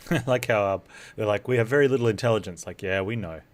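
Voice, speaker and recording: A game streamer with a lowish voice talks fairly quickly while playing live, giving casual commentary. He chats playfully, talking to himself and to his viewers.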